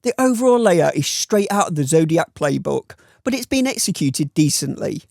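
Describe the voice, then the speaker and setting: Northern English male reviewer, voice-over read with a touch of fry, deadpan wry delivery, dead-dry booth sound. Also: on the high side, normal speed, no echo. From Northern England. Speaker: watch reviewer.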